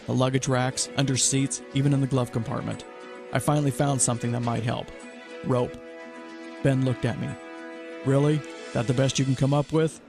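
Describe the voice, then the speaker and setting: A man and podcast host reading a first-person adventure story in a steady, measured storytelling way. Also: medium pitch, creaky.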